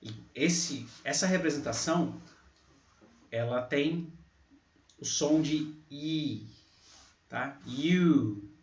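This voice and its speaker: Slow, patient male language teacher. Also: a little high. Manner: repeats example words slowly and loudly. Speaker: English teacher. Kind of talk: slow pronunciation lesson. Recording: echoey, distant, dull mic.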